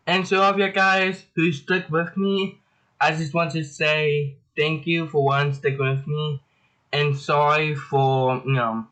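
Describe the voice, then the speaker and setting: A young man talks through a drawing tutorial at an unhurried pace, in a casual, rambling, self-deprecating way. His voice is bright and a little high for a man. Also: poor audio.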